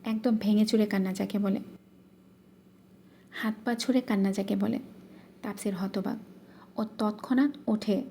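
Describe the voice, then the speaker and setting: A woman narrating a romantic story as an audiobook, in a soft, even storytelling delivery. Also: mid-range voice, unhurried, pauses often, a little hiss or hum.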